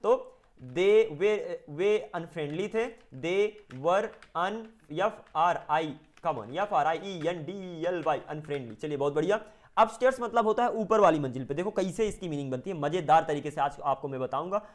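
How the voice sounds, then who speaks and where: An Indian man teaching spoken English, who gives a Hindi line and then says the English sentence slowly several times. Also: fairly high pitch, animated.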